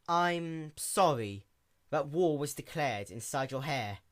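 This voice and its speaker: A man voicing a calm, regal elder-sister pony princess who rules gently, speaking in a measured, formal way. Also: a little high. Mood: solemn.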